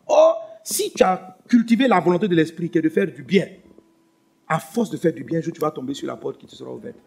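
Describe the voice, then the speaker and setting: A pastor preaching a sermon, swinging between loud emphatic lines and hushed ones. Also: male voice, high voice, husky.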